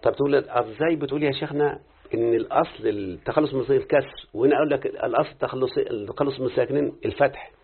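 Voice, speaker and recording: A man's voice: medium pitch, breathy edge. A man with an Egyptian accent teaching Quranic readings and Arabic grammar in a live lesson, checking that his student follows with frequent questions. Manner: quick explaining, checking understanding with questions. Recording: tinny phone-like lo-fi recording.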